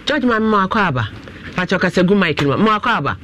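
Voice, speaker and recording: A man with a Ghanaian accent, a pastor questioning family members in a dispute in an animated, coaxing manner. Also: high-pitched, fast talker, slight background noise. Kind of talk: mediating a family dispute on a broadcast.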